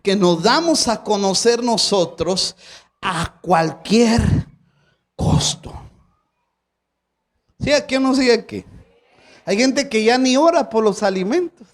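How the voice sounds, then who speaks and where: A male pastor preaches a sermon, firing emphatic rhetorical questions at the congregation and dropping in a few English words. His high voice is expressive, slow, and punctuated by frequent pauses.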